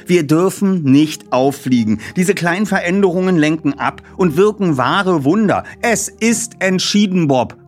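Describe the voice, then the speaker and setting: A man's voice: high-pitched, animated, measured pace, hardly any pauses, voice pushed up. A man voicing a bossy, know-it-all teenage boy who leads a detective trio and talks in a precise, lecturing way.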